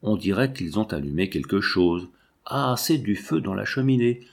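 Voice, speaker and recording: A man's voice: fairly low pitch, lively intonation, moderate pace, vocal fry, breathy edge, heavily acted. A man voicing a burly male farmer gripped by fear, speaking in a shaky, faltering way. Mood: uneasy.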